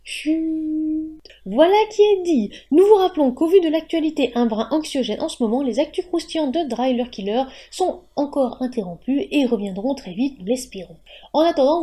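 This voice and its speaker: A woman's voice: high-pitched, mellow. A woman hosting a monthly book news show, reading in a scripted news style with playful whispered asides.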